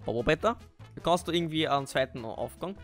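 A man's voice: fairly high pitch, expressive, a little fast, faint music behind. Austrian gamer man, hesitant and jumpy. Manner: hesitant, full of fillers, bursts into panicky yelps. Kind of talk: Minecraft role-play let's play.

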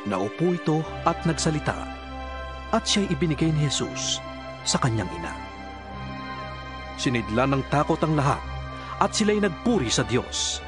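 A man's voice: a little high, sing-song, normal speed, long pauses. A man reading a Bible narration, telling the story steadily. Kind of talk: scripted narration. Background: music.

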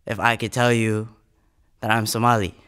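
His voice leans low and sounds clean and a bit bright, though the delivery stays flat at a moderate pace. He is a young adult spoken word poet from the United States, captured on a close studio condenser mic during poetry and interview answers.

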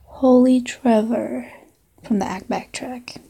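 A woman talking casually and hesitantly, in a low-key way, as an amateur script reader. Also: steady tone, slow, gravelly, dark tone, slightly rough. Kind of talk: casual screen-recording vlog.

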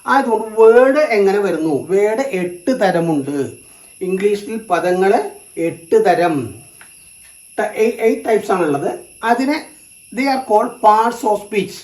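A teacher giving a grammar lesson, slow and repetitive, stating each term in two languages. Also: mid-range voice, animated, a little mellow, reverberant, low-quality recording.

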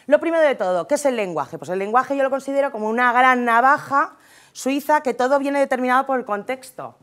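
A woman with a Spain Spanish accent giving a humorous conference talk, chatty and joking, often tagging her sentences with a quick question to the audience. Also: high voice, fairly bright tone. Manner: chatty, jokey, keeps tagging lines with "¿eh?". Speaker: conference speaker.

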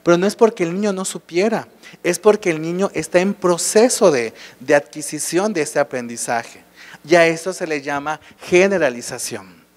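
A man with a Mexican accent speaks to a live audience at a state congress, his voice sitting fairly high for a man. He keeps quizzing the room with rhetorical questions as he explains his points. The sound trails off in the long reverb of a large hall. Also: moderate pace. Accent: Mexican Spanish. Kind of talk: conference talk to a live audience.

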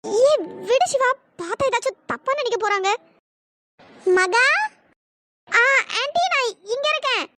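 Someone voicing a shy stammering girl, chipmunk-high. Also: lively intonation, a little slow, pauses often, noisy background. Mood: flustered, teasing. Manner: hesitant, stammering. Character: shy, flustered young woman.

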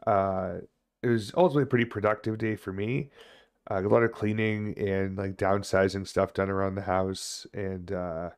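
A man in his thirties chatting casually on a game livestream, rambling haltingly and swearing now and then. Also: fairly low pitch. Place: small indoor home room.

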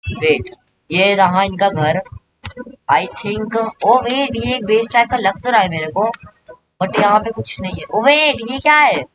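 A young man giving excited gameplay commentary as a gaming YouTuber, repeating words in a rush. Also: high-pitched, measured pace. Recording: background music under voice.

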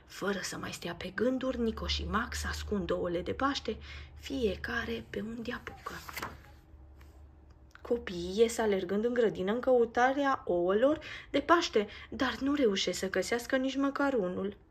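A woman reading a children's storybook aloud in a lively, expressive way. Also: fairly high pitch, a little hiss or hum. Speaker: narrator. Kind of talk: storybook read-aloud narration.

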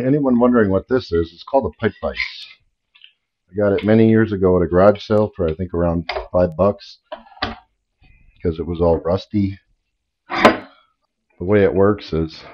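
Middle-aged guy, deep voice, walking thru a diy job in his garage, kinda muffled camera sound. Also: background noise. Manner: plain, practical explaining with small restarts. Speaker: DIY channel host. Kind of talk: casual workshop tutorial. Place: home garage workshop.

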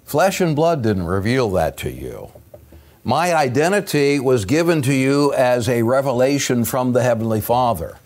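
An older man preaching a sermon as pastor, earnest and emphatic, with pauses and rising stresses, recorded on a pulpit microphone in a church sanctuary. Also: medium pitch, animated, a little mellow. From United States.

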